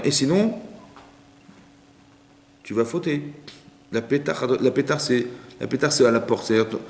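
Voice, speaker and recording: A man's voice: mid-range voice, darkish tone. A man, a rabbi, teaching a scripture class, translating verses line by line and asking the audience questions. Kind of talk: lecture on scripture. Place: community centre hall. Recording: echoey hall with long reverb.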